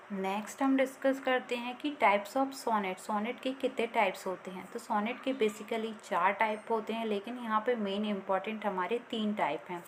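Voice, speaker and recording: A woman's voice: fairly high pitch, a bit bright, slight background noise, low-quality recording. A woman teaching an exam-prep lesson. She reads short English definitions, then asks herself questions and answers them, repeating the key points. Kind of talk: explaining a lesson, mixing in read-out English definitions.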